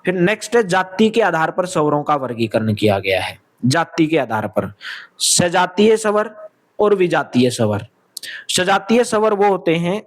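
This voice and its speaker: Male Hindi teacher, brisk question-and-answer. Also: fairly high pitch. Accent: Haryanvi Hindi. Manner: explains step by step, asks questions and answers them, calls listeners "bhai". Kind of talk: exam-prep lesson.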